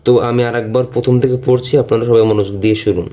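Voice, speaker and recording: A man teaching Quran recitation, spelling out each syllable slowly and repeating it patiently. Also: medium pitch, fairly even intonation, mellow. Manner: chants the Arabic verses in a melodic recitation.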